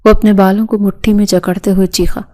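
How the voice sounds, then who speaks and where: A woman reading a romance novel aloud as scripted narration, in a steady, even way. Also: medium pitch.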